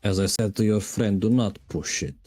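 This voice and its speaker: A man voicing a commanding male archduke of hell who speaks calmly and issues veiled threats. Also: fairly low pitch, moderate pace, lightly acted. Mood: warning. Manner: calm, imperious, veiled threats.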